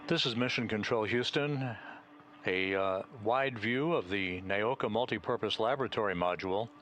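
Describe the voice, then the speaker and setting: Male mission commentator, lowish pitch, measured live delivery, slight background noise. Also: fairly bright tone.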